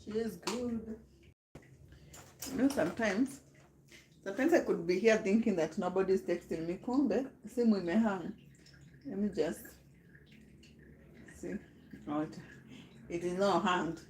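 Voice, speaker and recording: Kenyan woman, live-stream host, unhurried easy delivery, chatty with viewers, faint hiss behind. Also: medium pitch, a little mellow, echoey room. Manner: chatty, greets viewers by name, mixes in Swahili phrases. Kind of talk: casual live-stream chat.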